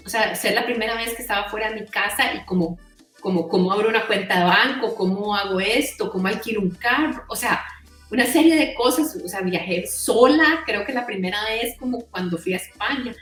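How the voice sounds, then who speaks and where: A woman's voice: medium pitch, a little fast, fairly bright tone, roomy sound, distant mic, soft background music. A middle-aged Costa Rican woman talking as an interview guest in a chatty way, full of "o sea" and "¿verdad?". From Costa Rica. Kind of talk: casual conversational interview.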